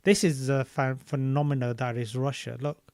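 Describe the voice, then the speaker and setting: A man's voice: medium pitch, fairly even intonation, normal speed, darkish tone, no echo. Chatty man reading and musing. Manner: thinking aloud while searching maps and videos, loose and chatty. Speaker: streamer reading a book aloud. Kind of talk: casual reading and commentary.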